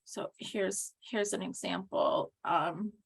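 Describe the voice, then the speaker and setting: A woman's voice: medium pitch, takes it slowly, creaky, husky. A woman teaching an online class, explaining step by step with frequent ums and restarts over a video call. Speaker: instructor. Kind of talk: recorded online class walkthrough.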